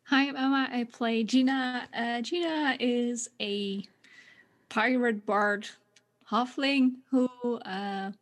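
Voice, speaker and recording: Higher-voiced woman at a game table. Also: takes it slowly. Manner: lively, giggly. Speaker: player. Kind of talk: casual chat.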